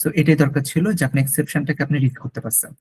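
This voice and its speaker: A man's voice: a little high, steady tone, fast, darkish tone, husky, poor audio. A man tutoring French one-on-one, mixing in English words and spelling words out letter by letter. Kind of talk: one-on-one language lesson.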